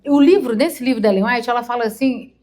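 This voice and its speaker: A woman with a slightly high, darkish-toned voice talks fast. In her fifties and speaking with a Mineiro Brazilian Portuguese accent from Minas Gerais, she's a therapist preaching informally to a congregation, chatty and emotional, acting out quotes as she tells stories.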